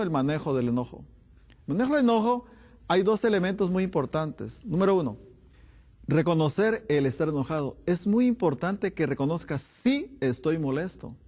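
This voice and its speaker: A man's voice: a little high, a little mellow. A man, a doctor, giving a health lecture, firing off rhetorical questions with emphatic delivery.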